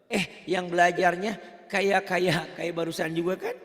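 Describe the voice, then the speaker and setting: A man's voice: sits high, steady tone, fairly bright tone. Man, Javanese accent, Quran reading teacher, online lesson, chatty, reverberant room. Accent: Javanese Indonesian. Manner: chatty and laughing, drawn-out syllable drills. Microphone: online call.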